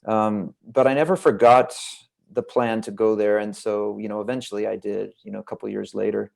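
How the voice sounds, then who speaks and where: A man's voice: fairly low pitch, level tone, brisk, creaky, darkish tone. An American man from Los Angeles, a guest author in a casual interview, telling his story in a rambling, reflective way over a video call. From Los Angeles, United States.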